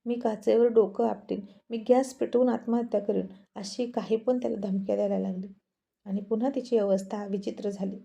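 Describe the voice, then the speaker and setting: A woman's voice: mid-range voice, vocal fry, warm tone, muffled recording. A woman telling a moral family story in an emphatic, conversational narration.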